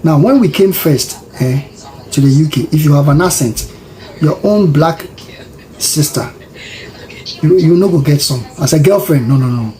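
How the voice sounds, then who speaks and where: A man from Africa, giving casual commentary in an animated, preachy way that repeats itself. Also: a little high, moderate pace, long pauses, poor audio.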